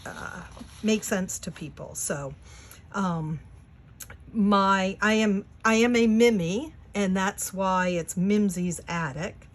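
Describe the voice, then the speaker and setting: Seated at her wooden table at home, a New England woman in her sixties who vlogs and sells on Etsy chats to camera, using many fillers. Her medium-pitched voice takes things slowly, and a bit of background noise is audible.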